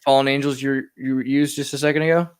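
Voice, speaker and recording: A man's voice: medium pitch, flat delivery, quick pace, clean tone. A man co-hosting a podcast, chatting casually and upbeat with lots of filler words. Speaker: podcast co-host.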